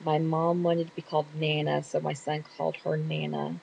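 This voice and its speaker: A woman's voice: low voice, little pitch movement, moderate pace, gravelly, darkish tone, poor audio. A middle-aged woman with a Texas accent, chatting casually and rambling a little as she answers questions. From Texas, USA. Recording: hissy home recording.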